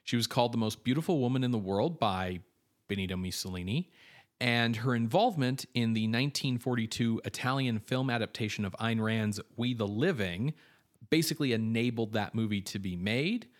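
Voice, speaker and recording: Speaking a little fast in a mid-range voice, this film podcast co-host reads informative background notes about the cast and crew, with casual fillers and asides along the way.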